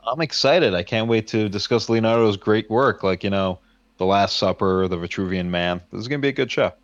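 A man's voice: lowish voice, brisk, no room sound, highs cut off. A man talking casually as a podcast panelist, giving his opinions in a discussion.

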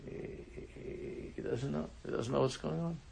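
A man teaching a religious class, telling a story in a halting way, often restarting his sentences. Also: fairly high pitch, fairly even intonation, creaky, darkish tone, a little hiss or hum. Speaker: Torah teacher.

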